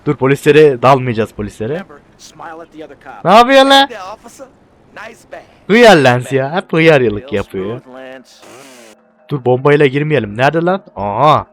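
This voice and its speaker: A young man casually commentating a video game, excitable and bantering, often shouting at what happens on screen. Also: mid-range voice, measured pace, long pauses. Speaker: gameplay video host.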